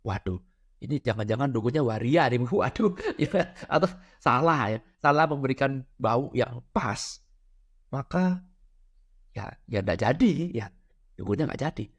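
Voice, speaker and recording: A middle-aged man giving a casual spiritual lecture, lively and constantly checking in with his listeners with tag questions. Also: mid-range voice, normal speed. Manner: lively, peppers talk with "ya" and "benar ya?".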